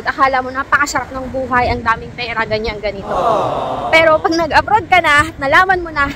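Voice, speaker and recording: A young Filipina woman, sick, tired and low, vlogs outdoors in cold weather with a noisy background. Her voice is high-pitched, and she chats with viewers in a storytelling way, laughing often.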